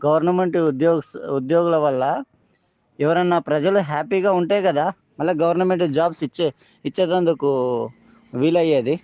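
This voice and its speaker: A man with a Telangana Telugu accent leaves an angry phone voice message, scolding and firing accusing questions. His voice sits fairly high but sounds dark and mellow. The recording is dull and lo-fi, like a phone voice note. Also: moderate pace, long pauses. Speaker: angry member of the public.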